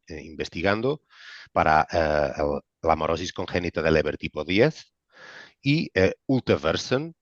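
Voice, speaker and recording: Speaking Spanish with a non-native accent, a low-voiced medical director gives an informal, explanatory webinar presentation. He pauses frequently and repeats words as he goes haltingly along, over dull, roomy audio.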